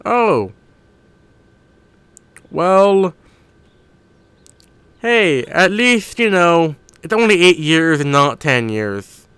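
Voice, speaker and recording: Slow, rambling bright-voiced man. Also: on the high side, very animated, clear, resonant tone, no room sound. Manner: rambling, thinks aloud, corrects himself. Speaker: gaming streamer. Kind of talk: casual live-stream commentary while gaming.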